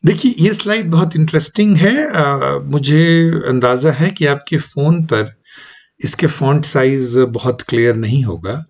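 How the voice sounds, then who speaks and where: Male lecturer, unhurried and a bit husky, walks students through examples. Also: fairly high pitch. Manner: explains slowly with many examples and fillers. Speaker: teacher. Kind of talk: recorded online lecture.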